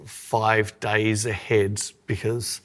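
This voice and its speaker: A man's voice: on the low side, level tone, drawn-out words. A man with an Australian accent co-hosting a podcast, chatting casually in a rambling way. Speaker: podcast co-host.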